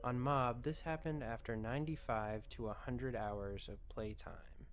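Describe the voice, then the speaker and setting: A man's voice: mid-range voice, fairly even intonation, measured pace, soft background music. A man reading scripted documentary-style narration as the narrator of a video.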